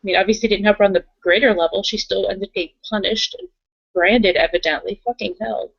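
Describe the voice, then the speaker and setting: A woman with a mid-range, slightly rough voice and some vocal fry talks fairly quickly as a roleplaying game master. Her narration and in-character improvisation come across casual and blunt, on a dull lo-fi recording.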